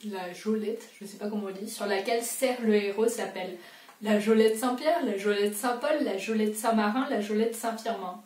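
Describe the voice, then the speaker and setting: A woman's voice: medium pitch, normal speed, a little mellow, reverberant, distant mic. A young woman thinking aloud in a casual vlog, chatty and self-mocking as she answers quiz questions. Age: young adult. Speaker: booktuber.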